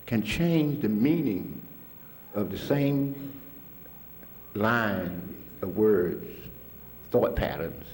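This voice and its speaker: A man's voice: on the low side, expressive, very slow, pauses often, darkish tone, slight background noise. An older man telling stories to an audience in a colloquial way, chuckling often. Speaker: speaker recalling a mentor. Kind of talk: storytelling talk to an audience.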